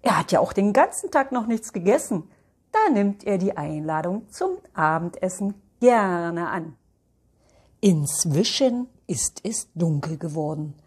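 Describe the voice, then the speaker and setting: Older woman, grandmother storyteller reading picture book to kids, slow and gentle. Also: medium pitch, slightly rough. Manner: gentle, addresses children.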